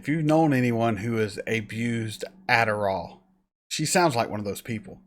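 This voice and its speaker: A man's voice: mid-range voice, moderate pace. A man hosting a reaction channel, giving casual commentary with mocking asides and frequent laughs.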